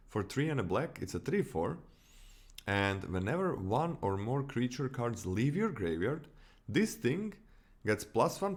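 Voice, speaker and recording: A man from Croatia with a Croatian accent, co-hosting a casual card-review podcast, often restarting and correcting himself. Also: medium pitch. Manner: animated, many restarts and self-corrections. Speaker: podcast co-host.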